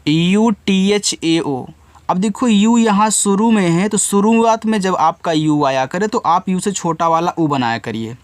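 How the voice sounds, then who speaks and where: A man's voice: high-pitched, no room sound. A man teaching English spelling in Hindi, who spells each word out letter by letter and then patiently explains how every sound is read.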